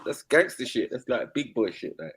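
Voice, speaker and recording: A man's voice: medium pitch, very animated, moderate pace, a bit bright, breathy edge. A young man hosting a casual online panel chat, slangy and laughing often. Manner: laid-back slangy banter, laughs often. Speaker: host.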